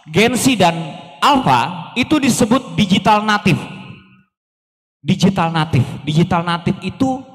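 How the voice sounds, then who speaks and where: High-voiced man in an echoing hall. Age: 40s. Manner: lively, asks the audience questions. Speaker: seminar speaker. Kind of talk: seminar talk to an audience. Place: church hall. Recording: long reverb of a large hall.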